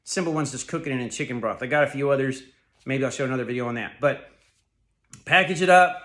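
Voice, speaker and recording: A man in his thirties filming a casual cooking vlog in his home kitchen, out of breath from working out and talking in a relaxed, rambling way with fillers and self-corrections. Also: medium pitch, quick pace. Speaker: fitness vlogger.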